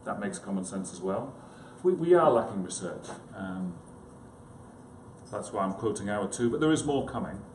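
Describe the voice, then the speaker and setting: With a lowish, darkish voice and lively intonation, a psychiatrist speaks at normal speed during a casual conference talk. He is tentative and self-deprecating, chatting with his audience in asides. The recording captures an echoey indoor room with clear background noise.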